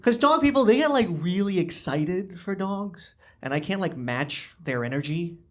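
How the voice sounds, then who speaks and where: A young man working a stand-up set in a small comedy club, holding a handheld mic. His delivery is dry and understated, full of halting little restarts. His pitch swings widely and sits a touch high for a man. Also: expressive. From born in China, raised in the US. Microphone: handheld stage microphone.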